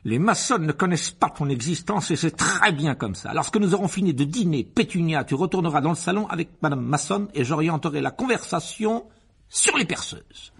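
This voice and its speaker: A man doing a pompous booming uncle. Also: expressive, vocal fry, fairly bright tone, slightly rough, full character voice. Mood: blustering. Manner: booming, self-important, slow emphatic delivery. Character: pompous blustering middle-aged uncle.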